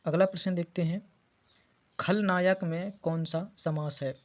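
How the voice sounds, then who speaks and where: A man's voice: high-pitched, steady tone, a little slow. A man teaching an exam preparation lesson, going through quiz answers and patiently repeating key words. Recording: dull lo-fi audio.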